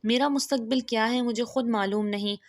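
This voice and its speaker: A woman's voice: on the high side, fairly even intonation, close to an everyday voice. A woman reading the lines of an anxious young bride in a storybook, sorrowful and resigned. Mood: sad.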